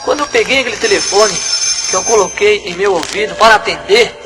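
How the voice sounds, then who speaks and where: A pastor with a Brazilian Portuguese accent tells a dramatic personal testimony in an emphatic storytelling manner. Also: male voice, high voice, fairly quick, low-quality recording. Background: music.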